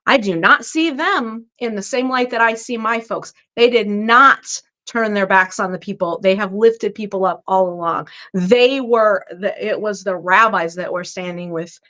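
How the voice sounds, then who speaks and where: A woman's voice: medium pitch, moderate pace, hardly any pauses, bright, forceful tone. Earnest woman. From Irish American. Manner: earnest, reflective, with frequent fillers. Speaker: guest minister. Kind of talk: conversational podcast interview.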